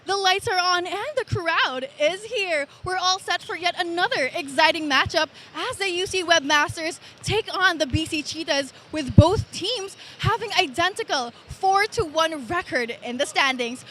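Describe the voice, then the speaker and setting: A woman's voice: extremely high pitch, moderate pace, hardly any pauses, a bit bright. A woman with a Filipino accent giving a scripted sports report as a courtside reporter. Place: courtside in an indoor arena. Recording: noisy courtside ambience.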